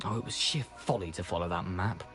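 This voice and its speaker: An actor voicing the ghost of a beheaded, mischievous gentleman in a video game, with a genteel, chatty and wry manner. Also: deep voice, quick pace, soft background music.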